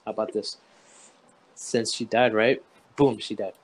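A man's voice: lowish voice, steady tone, measured pace. A young man chatting casually with friends, playful and jokey, insisting on being heard out. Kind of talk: casual chat.

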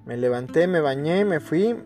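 A man's voice: a little high, lively intonation, normal speed, dark tone, faint music behind. A man with a Mexican accent, hosting a podcast and telling a personal story in a casual, crude, emphatic way, full of fillers and stumbles. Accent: Mexican Spanish. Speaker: podcast host.

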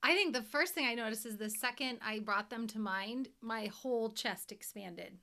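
A woman's voice: a little high, normal speed, bright, forceful tone. A woman hosting a casual interview, chatty and reflective. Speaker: podcast host.

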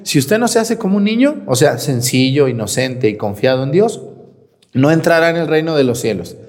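A man's voice: fairly high pitch, expressive, normal speed, darkish tone. A priest preaching a Sunday sermon, scolding and teasing his congregation, acting out sarcastic quotes. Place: church. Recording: long church reverb.

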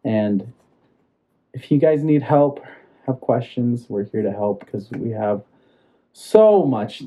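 A man's voice: medium pitch, takes it slowly, mellow, breathy edge. A man co-hosting a casual podcast chat, rambling with restarts and laughing often. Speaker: podcast co-host. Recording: tinny phone-like sound.

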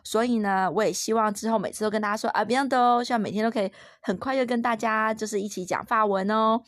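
This young mother, whose accent is Taiwanese Mandarin, is teaching her toddler French words at home with patience, playfulness and encouragement. Her voice sits a little high, holds a steady tone and moves fast, with no echo.

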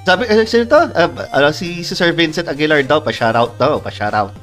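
A man hosting a casual live stream, reading out viewer comments and giving shoutouts in a mix of Tagalog and English. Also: fairly high pitch, fairly quick, faint music behind. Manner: chatty, reads out comments, gives shoutouts, mixes English in.

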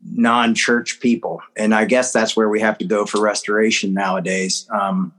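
A man's voice: on the low side, flat delivery, moderate pace, a bit bright, low-quality recording. A man in his forties, a podcast guest, rambling with many fillers and small laughs. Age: 40s. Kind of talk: casual interview chat.

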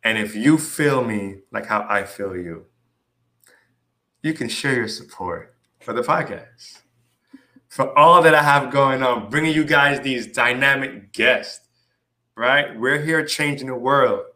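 A man's voice: mid-range voice, measured pace, bright, forceful tone. A man hosting his podcast, talking in a casual, playful hype style and often tossing in "right?" and "you know what I mean". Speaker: podcast host.

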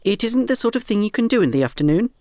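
A small, anxious piglet from a storybook, voiced by a man speaks in a squeaky, high voice that skitters up and down in pitch and stumbles over its words when frightened. The sound is close and dry, with faint music underneath. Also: big pitch swings, quick pace, darkish tone, dry recording. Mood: nervous. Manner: squeaky, nervous, stammering. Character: small timid anxious young male piglet. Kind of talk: storybook character voice.

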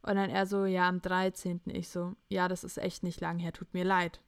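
In a clean studio recording with no room sound, a podcast host with a lowish, clean-toned voice speaks at a moderate pace. This young woman brings a chat conversation to life, quoting the messages and playing both people in her casual, animated storytelling.

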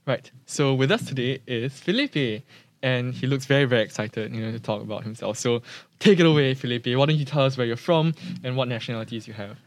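A young man talks as a co-host in a casual, chatty style. His voice sits at a medium pitch, recorded dry in a studio. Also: fairly quick, no room sound. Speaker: podcast co-host. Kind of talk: casual hosting chat.

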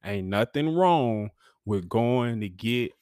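A man's voice: mid-range voice, animated, slow, a little mellow, smooth, no room sound. Male host, encouraging, casual chat, dry close sound. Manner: affirming, chiming in with encouragement. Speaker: podcast host.

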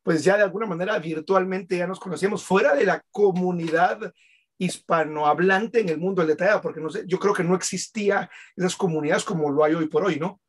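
A man hosts a relaxed conversation and chats freely, dropping in frequent short agreements. His voice sits high and has a breathy, husky edge. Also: a little fast. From Guatemala. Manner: chatty, affirming with frequent short replies. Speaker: host. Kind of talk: casual conversation.

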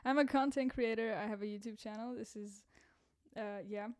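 A woman's voice: on the high side, steady tone, moderate pace. Chatty young-sounding woman podcaster, cracky voice. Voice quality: voice cracks, a bit rough. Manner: rambling, self-deprecating, laughs at own jokes. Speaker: podcast host and content creator. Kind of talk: casual solo podcast chat.

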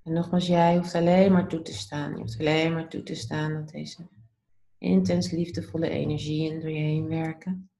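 A woman leading a guided meditation in a calm, soothing, gently instructive way. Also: deep voice, normal speed, vocal fry, roomy sound.

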